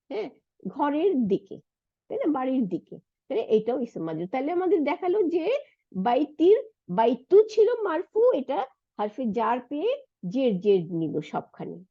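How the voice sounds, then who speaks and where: A woman's voice: high-pitched, big pitch swings, normal speed, dry recording, muffled recording. A woman teaching an Arabic grammar lesson, patient and explanatory, often asking her students a question and then answering it herself.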